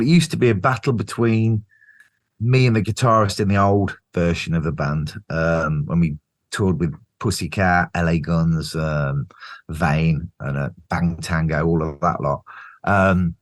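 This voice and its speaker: A middle-aged band singer from Britain recounts road stories as an interview guest in a casual chat, voice low and pace measured. His British English storytelling is animated, full of free swearing and acted-out quotes.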